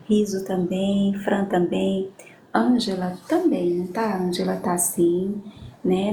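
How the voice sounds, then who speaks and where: Church lady reading out prayer names real slow and sweet, echoey room with noise behind. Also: mid-range voice. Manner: affectionate, reads out names slowly, frequent amém and né. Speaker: church leader taking prayer requests. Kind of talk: live-stream prayer session.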